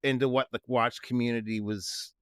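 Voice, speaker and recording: A man co-hosting a podcast, asking questions in a relaxed, conversational way. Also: medium pitch, moderate pace, clean tone, no room sound, clean studio sound. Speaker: podcast co-host. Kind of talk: casual podcast interview.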